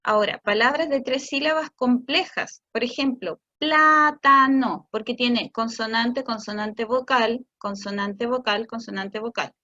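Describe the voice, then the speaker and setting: A Chilean woman speech therapist giving a talk to parents, explaining patiently and stretching words out slowly to demonstrate them. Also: on the high side, a bit bright, dull audio. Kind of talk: online talk for parents answering questions.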